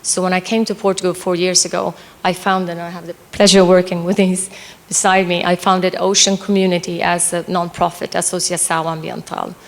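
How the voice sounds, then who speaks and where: Low-voiced Swedish woman asking from the floor. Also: flat delivery, brisk. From Sweden. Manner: earnest, explains at length before asking. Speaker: audience member asking a question. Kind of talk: panel Q&A, speaking from the floor. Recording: reverberant conference hall.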